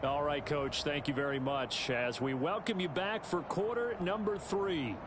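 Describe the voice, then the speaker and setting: Male actor as football game play-by-play caller, fairly high register, very loud background noise. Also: measured pace, natural voice. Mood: steady commentary. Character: American football play-by-play announcer in a video game. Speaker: play-by-play commentator. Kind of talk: football commentary. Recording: very loud stadium noise behind.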